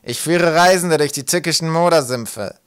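A man's voice: on the high side, normal speed, a bit bright, clear, resonant tone, no room sound, studio quality, voice pushed up, lightly acted. A man voicing a scrawny, sneering male swamp guide who snarls his words, in an audiobook reading. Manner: snarling, mocking. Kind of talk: audiobook character voice.

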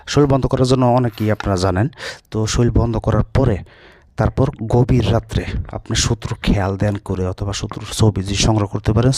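A man's voice: on the low side, darkish tone. A man, a folk healer giving brusque, repetitive spoken instructions to the camera. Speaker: folk healer demonstrating a ritual.

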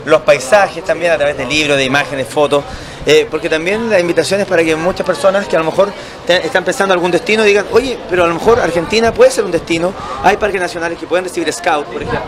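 A man in his thirties with a Chilean accent, roving reporter interviewing scouts on a handheld mic. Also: a little high. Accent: Chilean Spanish. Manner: upbeat, affirming with quick "excelente". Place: outdoor camp and crowded tent stand. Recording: busy crowd noise behind.

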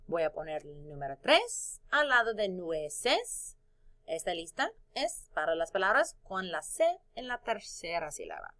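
A woman's voice: fairly low pitch, sing-song, sharp tone. A woman teaching a phonics lesson to young children, stretching out syllables and singing little sound cues. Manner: slow and drawn out, sings out syllables and sound cues.

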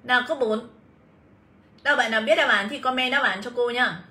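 A young woman leads a livestream English exam review in a slightly high, bright, forceful voice that moves fairly quickly. She keeps things chatty, greeting viewers, reading their answers and comments out loud, and calling everyone "mọi người".

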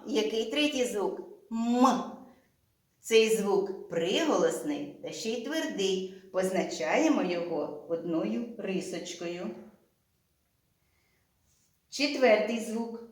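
Woman teacher, Ukrainian accent, slow drawn-out delivery, lesson for children, very echoey room, distant mic. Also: medium pitch, lively intonation, a little mellow. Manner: slow and drawn-out, stretching out sounds and words. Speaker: primary school teacher.

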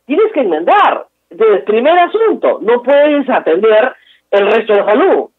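A woman's voice: fairly high pitch, sing-song, a little slow, slightly rough. A woman from Peru hosting a political talk show, giving emphatic, opinionated commentary and repeating key words for stress. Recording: tinny phone line.

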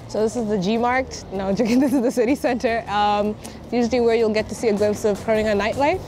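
A young woman from Tanzania, an economics student chatting in a relaxed, joking way. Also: fairly high pitch, fast, a little hiss or hum. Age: young adult. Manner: laid-back, joking. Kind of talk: casual interview answers. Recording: background music under the voice.

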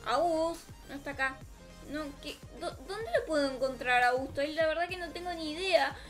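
Speaking at a moderate pace in a voice that sits high, this Argentine-accented woman hosts a gaming video, improvising theatrical, melodramatic role-play commentary as she plays. She talks to her viewers and to herself, with music running behind her.

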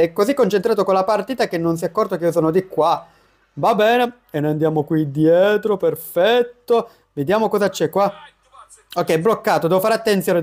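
A young man giving chatty, excitable let's-play commentary as a gaming YouTuber, breaking into quick panicked yelps. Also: high voice.

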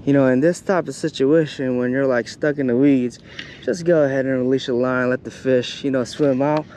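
A man's voice: medium pitch, fairly even intonation, moderate pace, mellow. A man in his thirties giving casual vlog commentary on his fishing trip, laid-back and chatty with lots of fillers, recorded outdoors on a shoreline with an action camera. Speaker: fishing vlogger. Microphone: action camera, hand-held or chest-mounted. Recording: faint outdoor noise.

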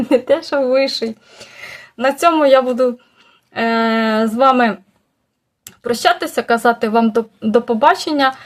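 Woman chatting about her stitching, kinda high voice, lots of ums and restarts. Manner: hesitant, many fillers and restarts. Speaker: cross-stitch vlogger. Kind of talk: casual chat.

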